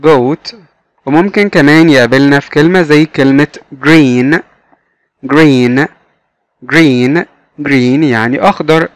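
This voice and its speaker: A man's voice: mid-range voice, fairly bright tone, no room sound. Man, Egyptian Arabic accent, kindergarten English teacher, repetitive drilling, dry close sound. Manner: slow, repeats each word several times. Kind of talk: children's English lesson.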